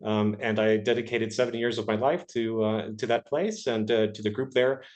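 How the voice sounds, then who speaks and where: Hesitant man with a low voice. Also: steady tone, moderate pace, a little mellow. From Ecuador. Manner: hesitant, many filler sounds. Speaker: guest, research engineer. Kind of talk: conversational interview answers.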